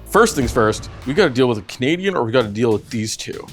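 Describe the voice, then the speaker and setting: A man playing a tabletop miniatures game, animated and playful as he talks through his moves. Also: medium pitch, fast, soft background music. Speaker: player. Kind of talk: excited casual game commentary.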